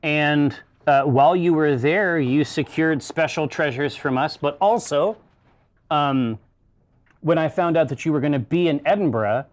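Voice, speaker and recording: A man hosting a casual tasting show, talking at length and swearing casually as he explains. His voice sits slightly higher than most men's. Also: unhurried. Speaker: show host. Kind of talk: casual chat.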